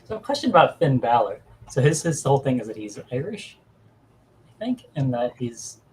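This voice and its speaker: A man with a lively, animated voice steers a casual podcast chat, asking curious questions. His sentences often trail away unfinished. His pitch is in a middle range. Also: normal speed, a little hiss or hum. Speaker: podcast host leading the discussion.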